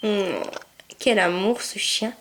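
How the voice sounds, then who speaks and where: A woman casually talking through a virtual pet game, chatty and excitable, cooing at her puppy and shouting commands. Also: medium pitch, takes it slowly, faint music behind. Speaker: gameplay video maker. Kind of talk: casual gameplay commentary.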